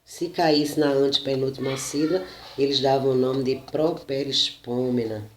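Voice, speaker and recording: Teacher from brazil, slow lesson delivery, mid pitch, roomy echo. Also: steady tone, slight background noise. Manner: slow, deliberate, frequent "né?" and self-corrections. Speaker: Portuguese teacher. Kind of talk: spoken lesson, reading and explaining.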